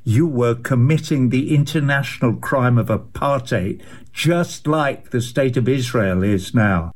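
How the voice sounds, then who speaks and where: An older man from England speaks. He records an impassioned video statement, angry and emphatic, with mocking asides. His voice sits at an ordinary middle pitch. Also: a little slow, darkish tone. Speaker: musician giving a video statement.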